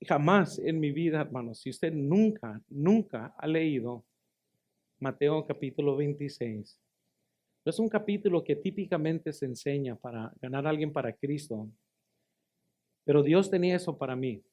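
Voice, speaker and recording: A man's voice: a little high, lively intonation, normal speed, darkish tone. A man, a pastor giving his testimony in a sermon, telling it emphatically and repeating phrases for stress. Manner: emphatic storytelling, addresses listeners as brothers.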